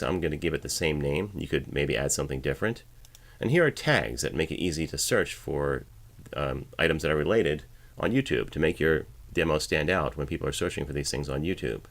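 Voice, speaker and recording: An expressive bass voice, fairly quick, guides viewers through an instructional screencast step by step. The speaker is a male voiceover artist keeping it casual at the editing station of his home studio.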